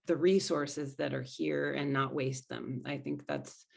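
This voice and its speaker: Low gravelly woman, spiritual coach guest, earnest and thoughtful, lots of restarts. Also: steady tone, unhurried. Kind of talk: conversational interview answers.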